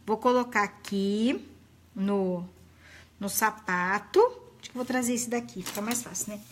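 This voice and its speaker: A woman's voice: medium pitch, normal speed, a little hiss or hum. A middle-aged woman, hosting a live craft tutorial in a chatty, affectionate way and greeting viewers by name. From Brazil.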